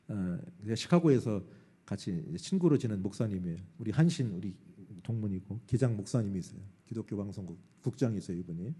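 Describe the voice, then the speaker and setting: A middle-aged man preaching a sermon in a church, swinging between loud calls and quiet, low asides. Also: slightly rough. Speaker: pastor. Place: church sanctuary.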